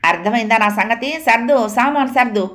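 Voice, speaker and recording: A woman's voice: medium pitch, brisk, lightly acted. A woman doing a harsh, cruel male captor. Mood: menacing. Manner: harsh, menacing.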